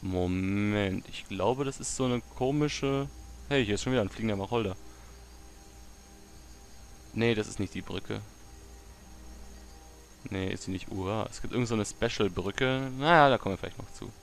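A man with a fairly low voice talks through his gameplay in a loose, chatty way. He mutters to himself and sometimes bursts out loudly. There is a faint hiss under the recording. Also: moderate pace, gravelly, pauses often. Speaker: let's play gamer. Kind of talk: casual gameplay commentary.

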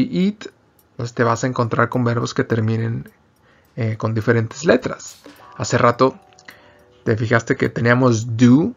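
A man's voice: mid-range voice, vocal fry, highs cut off. A man teaching an English lesson in Spanish, explaining grammar patiently and repeating example sentences in both languages.

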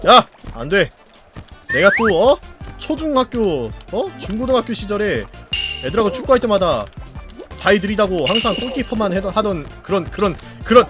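A man streaming a party game, commenting live, often yelling and laughing at the action and cursing at rival players. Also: high-pitched. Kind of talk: excited gameplay commentary.

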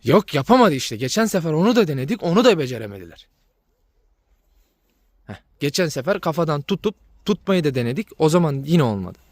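A man with a fairly high voice vents in an exasperated, repetitive way as he talks casually to his viewers. The sound is dry and close, with no room echo. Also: big pitch swings, a little fast. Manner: exasperated ranting, repeats himself. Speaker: dog breeder vlogger. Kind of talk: casual vlog talk to viewers.

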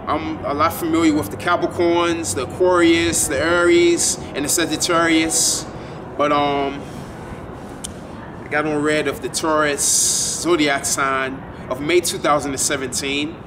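A man's voice: on the high side, steady tone, measured pace. A man in his twenties talking casually to the camera outdoors at night, rambling and repeating himself. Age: 20s. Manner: rambling, repetitive, laid-back. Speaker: vlogger. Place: outdoors at night in front of a building. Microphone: camera a few feet away. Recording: distant camera mic, street noise.

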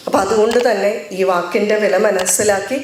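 A woman's voice: medium pitch, fairly even intonation, a little fast, a little hiss or hum. A middle-aged woman giving a devotional speech, telling a personal story and acting out dialogue. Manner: storytelling, quoting others in dialogue. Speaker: speaker at a religious gathering. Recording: very echoey hall.

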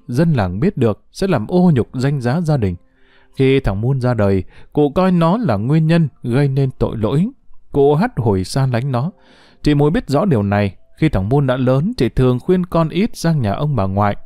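A man reading a short story aloud as a storyteller, expressive and lively, close to the mic. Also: normal speed, no echo. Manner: expressive reading with lively pitch, voicing quoted characters. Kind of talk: scripted narration of a short story.

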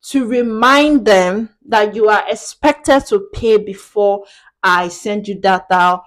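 A young woman speaking straight to camera in a casual, matter-of-fact way. Her voice sits at a middle pitch, and she talks plainly and firmly, with the odd filler. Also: takes it slowly. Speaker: digital marketing agency owner.

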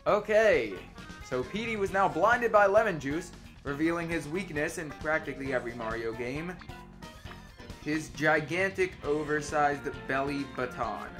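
A young man giving casual, informal, rambling gameplay commentary as the host of a let's play. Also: a little high. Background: game music.

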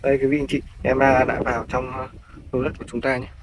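Delivering his lines completely flat and at a quick pace, a man with a mid-range voice works as a real estate agent guiding viewers politely through farmland on foot. The handheld phone video is shot outdoors, and its low-quality audio includes clearly audible background noise.

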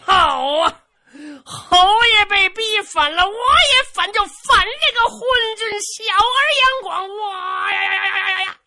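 A woman voicing a rash young peasant shouting. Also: very high voice, a little fast, a little hiss or hum, pitched above the performer's own voice, heavily acted. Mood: crying shouting. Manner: shouting, sobbing, excitable. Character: hot-headed young peasant man, loud and rash.

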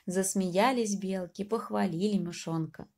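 A woman reading a children's fairy tale aloud in a gentle, lilting storytelling manner. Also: mid-range voice, a little slow, gravelly. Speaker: narrator.

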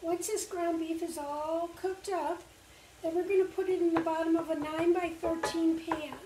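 An older woman who teaches kids' cooking at a library patiently walks through a recipe step by step in a home kitchen. Her voice is extremely high and steady at a moderate pace, captured by a camera a few feet away in an echoey room with background noise and the faint sizzle of frying meat.

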